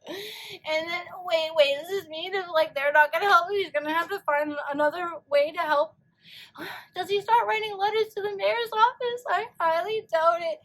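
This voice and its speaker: A woman reacting to a movie on her first watch at home, emotional, loud and swearing freely. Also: extremely high pitch, unhurried, long pauses. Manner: emotional, loud and profane outbursts.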